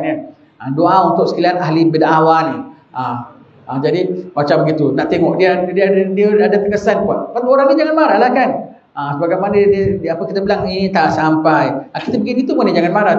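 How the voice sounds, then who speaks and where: A man's voice: on the high side, darkish tone. A man with a Malaysian Malay accent preaching a sermon, bantering with the audience and mock-arguing in a rising, incredulous voice. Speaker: religious teacher. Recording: roomy, muffled recording with faint hiss.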